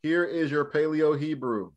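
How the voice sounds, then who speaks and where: A man's voice: a little high, unhurried, dull audio. A man teaching a live online Hebrew class, speaking casually and drilling students with questions.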